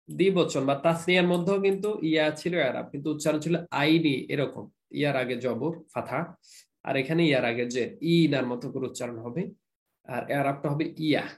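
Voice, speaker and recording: Male grammar teacher, Bangladeshi Bengali accent, slightly raised pitch, slow drilling delivery. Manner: slow, repeats examples and drills word forms. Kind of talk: classroom lecture.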